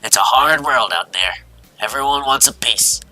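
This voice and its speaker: A man voicing a paranoid, excitable young man who schemes and mooches, in a silly put-on accent. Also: mid-range voice, normal speed. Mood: paranoid ranting.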